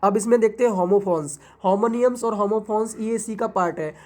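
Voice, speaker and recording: Woman, English tutor, exam-prep lecture, self-answered questions, spelling words aloud, mid pitch. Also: a little mellow. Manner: keeps asking and answering her own rhetorical questions; reads English definitions slowly and deliberately.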